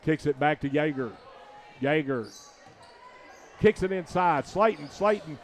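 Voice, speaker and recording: A man giving rapid, excited play-by-play of a high school basketball game from a school gymnasium, his voice jumping up on every shot. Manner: rapid, excited calls that rise on shots. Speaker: play-by-play announcer.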